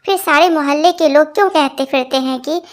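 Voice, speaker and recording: Lady reading out jokes, high pitched, same voice for everyone. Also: a little fast. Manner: reads every part in one even voice. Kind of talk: scripted joke reading.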